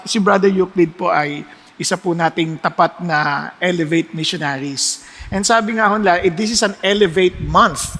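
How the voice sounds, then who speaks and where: A male preacher with a very high, bright voice gives a lively sermon. He moves freely between Tagalog and English and acts out his stories with frequent laughs. His voice echoes with the long reverb of a church hall.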